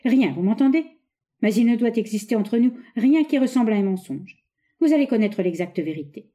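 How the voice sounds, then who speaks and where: Earnest young gentleman, read by a woman, mellow and solemn. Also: fairly high pitch, expressive, a little fast, voice pushed up, close to an everyday voice. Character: earnest young man, naturalist suitor.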